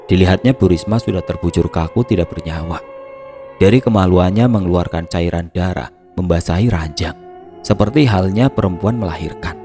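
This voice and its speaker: A man narrating a horror story in a steady, hushed storytelling manner. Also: low voice, moderate pace, faint music behind.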